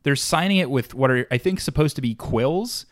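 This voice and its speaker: Man, casual movie chat, sarcastic, animated, dry close sound. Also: mid-range voice, moderate pace, no echo. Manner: animated, sarcastic, acts out quotes in silly voices.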